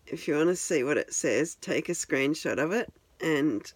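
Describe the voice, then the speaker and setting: Speaking at a moderate pace in a low, expressive, slightly rough voice, a female vlogger talks to the camera at home. Her casual chat is rambling and self-deprecating, captured on a handheld phone.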